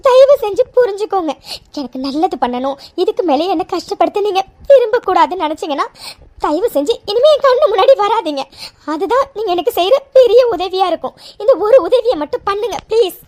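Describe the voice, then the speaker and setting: A hurt young woman in a cartoon speaks in a very high, tear-choked voice. She pleads and repeats herself with rising distress. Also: lively intonation, brisk, a little mellow. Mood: firm, tearful. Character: hurt young woman rejecting her birth mother. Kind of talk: cartoon voice acting.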